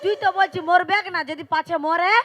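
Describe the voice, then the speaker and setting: A woman acts out a younger sister pleading in a Purulia Bengali accent, soothing and placating. Her voice is very high. Loud folk music fills the stage behind her. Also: fairly even intonation, brisk. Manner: coaxing, placating. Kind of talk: village stage comedy.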